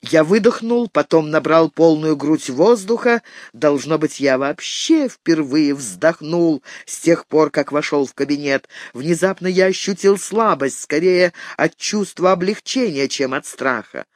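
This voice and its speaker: A man reading a first-person audiobook in a measured, tense storytelling voice. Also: fairly high pitch, no room sound, clean studio sound. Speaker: audiobook narrator.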